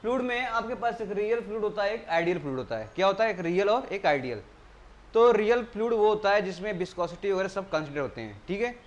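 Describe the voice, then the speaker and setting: एक पुरुष शिक्षक इंजीनियरिंग परीक्षा की कक्षा में व्याख्यान दे रहा है। वह अक्सर कक्षा से सवाल पूछता है और खुद ही जवाब देता है। वह मुख्य शब्दों को बार-बार दोहराता है।. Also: male voice, high voice, lively intonation, fast talker, highs cut off. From India. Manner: asks the class questions and answers them himself; keeps repeating key terms. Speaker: engineering exam tutor. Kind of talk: classroom lecture.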